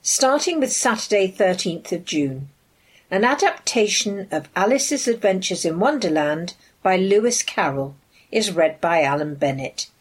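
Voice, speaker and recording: Husky, animated woman reading listings. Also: mid-range voice, unhurried. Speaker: listings reader.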